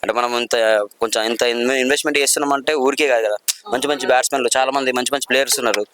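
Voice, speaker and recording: A man's voice: medium pitch, steady tone, rapid-fire, crowd noise. A man who founded a cricket league, answering an interviewer in rambling, repetitive sentences. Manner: rambling, repeats words, restarts often.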